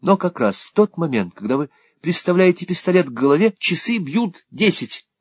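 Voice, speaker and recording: A man's voice: on the high side, very animated, normal speed, darkish tone, husky, no room sound, clean studio sound, pitched above the performer's own voice. A man voicing an earnest, naive young playwright who explains things politely with a touch of irony. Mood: explaining.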